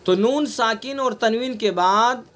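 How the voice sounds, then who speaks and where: A man with a Delhi Urdu accent teaching Quran recitation rules in an online class, patiently explaining and repeating examples with drawn-out nasal sounds. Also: very high-pitched, fairly bright tone. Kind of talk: online tajweed lesson. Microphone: online class recording.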